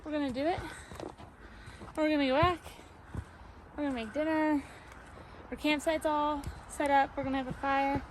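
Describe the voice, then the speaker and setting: A woman's voice: high voice, fairly even intonation, normal speed, long pauses, a little hiss or hum, poor audio. A young woman narrating a casual road trip vlog, chatty and leaning on filler words. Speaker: travel vlogger. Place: road trip, in a car and at a campsite outdoors.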